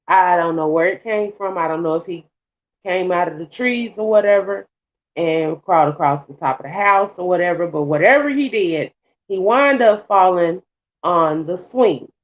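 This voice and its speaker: A woman vlogger with a lowish voice speaks a little slowly and pauses often, telling a casual story while she cooks at home. She animatedly acts out others' voices and repeats colloquial phrases, and the home recording has its highs cut off.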